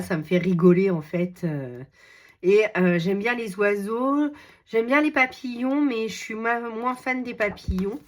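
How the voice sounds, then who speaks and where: A middle-aged woman hosting a craft channel, chatting casually and enthusiastically with many fillers, her voice slightly hoarse. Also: mid-range voice. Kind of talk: casual chat showing books.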